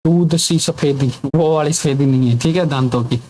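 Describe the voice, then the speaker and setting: A man's voice: on the high side, moderate pace, a little mellow. A male teacher giving a classroom grammar lesson, drilling sounds over and over, asking the class questions and dropping teasing jokes. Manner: drills students with repeated sounds and call-and-response questions; jokey teasing asides.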